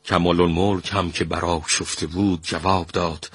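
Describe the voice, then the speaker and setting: A man narrating a historical tale with an expressive, dramatic reading. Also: low voice, slightly rough, dry recording. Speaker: storyteller. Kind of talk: storytelling narration.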